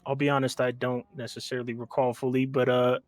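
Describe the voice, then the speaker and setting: Guy in crime game roleplay, monotone, kinda subdued and unsure, medium pitch. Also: fast talker, dry recording. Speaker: role-player as a pharmacy employee. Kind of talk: improvised role-play in an online crime game.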